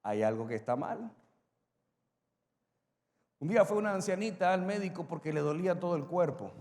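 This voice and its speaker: A man preaching a sermon as pastor, swinging between loud emphatic lines and quiet asides. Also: sits high, lively intonation, moderate pace. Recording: long hall reverb.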